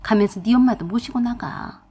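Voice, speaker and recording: A young wife, played by a woman narrator with a sharp, blunt tongue, firing back at her in-laws. Her voice sits a little high and stays close to the reader's own. The tone is that of a storybook radio drama. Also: moderate pace, slightly rough. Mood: defiant.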